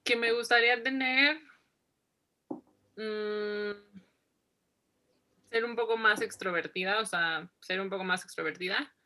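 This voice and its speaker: Woman, bright clear tone, reflective guest, repeats phrases, laughs easily. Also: mid-range voice, fairly even intonation, measured pace, long pauses. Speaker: interview guest. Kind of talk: casual interview.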